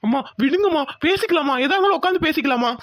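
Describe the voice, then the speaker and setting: A woman voicing a dutiful adult son in a cartoon who gently calms his family. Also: high-pitched, racing, no room sound, studio quality. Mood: alarmed. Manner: gentle, placating.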